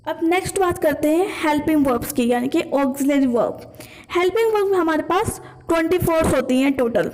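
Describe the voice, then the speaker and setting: High-voiced woman teaching grammar, echoing room. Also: a little mellow. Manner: asks questions and answers them herself; reads English example sentences slowly. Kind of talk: explaining grammar lesson.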